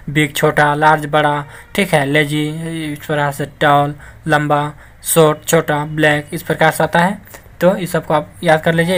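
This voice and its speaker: A man whose voice is a little high and a bit bright teaches English grammar in a classroom style. He explains patiently, repeats each point, and often checks that listeners are following.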